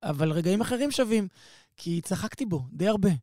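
A man hosting a podcast in casual chat, relaxed and conversational with fillers. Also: high-pitched, dry recording, studio quality. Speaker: podcast host.

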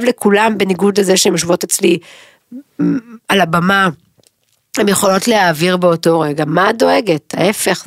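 A middle-aged woman co-hosting a podcast in casual chat, rambling, emotional and quick to joke. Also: lowish voice, dry recording, clean studio sound. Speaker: podcast co-host.

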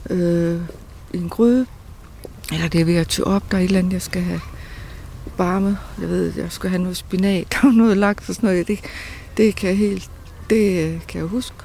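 A man recounting a painful memory in a halting way, often repeating words and restarting sentences. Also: sits high, steady tone, creaky, darkish tone, a little hiss or hum. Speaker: interviewee. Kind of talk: personal testimony.

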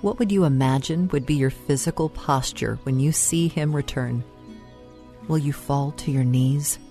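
Over background music, a female meditation host with a deep, mellow voice leads listeners through a guided session. Her gentle, calming pace is slow, with extended silences between lines that give space to breathe and pray.

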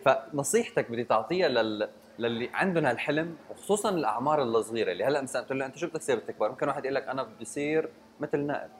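Male interviewer with a Levantine Arabic accent, conversational, medium pitch, very rapid, slight noise behind. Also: animated. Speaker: interviewer, host.

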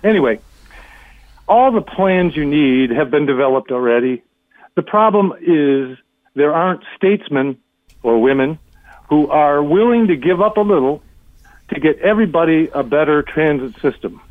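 Older man, radio show caller, blunt and exasperated, higher voice, tinny phone line, dry. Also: expressive, moderate pace, dry recording. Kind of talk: call-in comment on a talk show.

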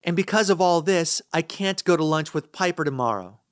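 A man's voice: a little high, lively intonation, fairly quick, clean tone, no room sound, clean studio sound, close to an everyday voice. A man voicing an irritable, slightly drunk wife who barks curt orders with a slurred edge. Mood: scolding. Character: irritable tipsy wife, middle-aged woman.

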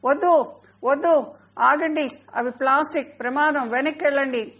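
A woman's voice: mid-range voice, fairly even intonation, normal speed, vocal fry, breathy edge. A woman voicing a big female dolphin in a children's story, stern, scolding and protective of sea creatures. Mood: urgent. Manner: scolding, urgent. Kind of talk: storybook voice acting.

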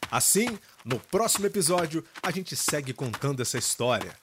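A Brazilian man hosts a podcast with upbeat, announcer-style narration. His voice sits a bit higher than most men's. A faint hiss of noise runs under the recording. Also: big pitch swings, normal speed. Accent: Brazilian Portuguese. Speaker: podcast host. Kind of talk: scripted narration.

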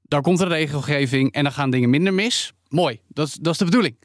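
A man's voice: fairly high pitch, no echo, studio quality. A man hosting a podcast debate who sums up points and steers the talk. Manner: brisk, steers the discussion.

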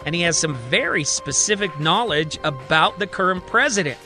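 A man's voice: high-pitched, lively intonation, moderate pace, over music. A man narrating his own audio drama in a conversational, recapping storyteller manner. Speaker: writer and narrator.

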